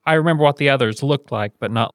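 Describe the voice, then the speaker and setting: A man co-hosting a podcast in casual chat, adding quick quips and asides about family memories. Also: medium pitch, dry recording. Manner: chimes in with quips and short asides. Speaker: podcast co-host.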